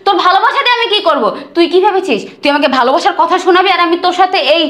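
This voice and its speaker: A high-voiced, arrogant rich bride, played by a young woman in a short drama, rattling off sneering insults at speed. The room is echoey. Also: expressive, rapid-fire, fairly bright tone. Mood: contemptuous.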